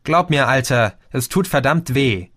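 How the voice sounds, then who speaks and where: A man's voice: mid-range voice, expressive, a little slow, fairly bright tone, dry recording, studio quality. A man voicing a grumpy, injured young bandmate with a growling, defensive manner.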